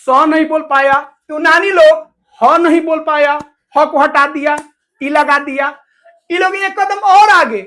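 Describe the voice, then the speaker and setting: A woman's voice: high voice, fairly bright tone. A woman teacher explaining a school lesson, asking questions and answering them herself with lots of repetition. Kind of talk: classroom lesson explaining to students.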